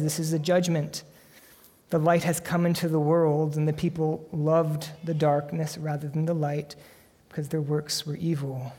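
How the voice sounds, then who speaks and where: A man delivers a sermon in an earnest, emphatic way, drawing out important phrases slowly for weight. His voice sits a little high for a man. The sound carries a long reverb, like a large church hall. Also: darkish tone. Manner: earnest, emphatic preaching with slow dramatic pauses. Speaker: pastor.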